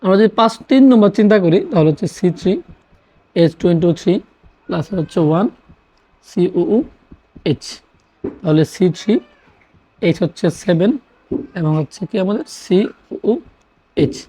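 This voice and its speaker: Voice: medium pitch, normal speed, pauses often, dark tone. A teacher from Bangladesh gives a classroom lecture, repeating key terms and posing questions that they answer themselves. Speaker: chemistry teacher. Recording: dull lo-fi recording.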